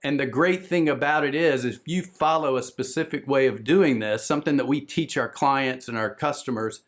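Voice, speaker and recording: A man with a Southern American accent gives a conference presentation on podcast business. He talks fast and with a lot of energy, pushing his points like a salesman. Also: mid-range voice. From Southern United States.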